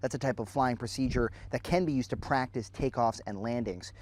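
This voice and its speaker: A man's voice: medium pitch, fairly quick, a little mellow, a little hiss or hum. A man narrating a scripted television news report as a field reporter.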